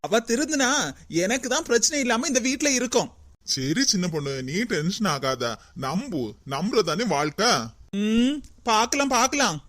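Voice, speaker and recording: A performer voicing a sharp-tongued, sceptical young housewife in an animated comedy, with a Kanyakumari Tamil accent. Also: mid-range voice, normal speed, dry recording, lightly acted. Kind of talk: animated cartoon voice acting.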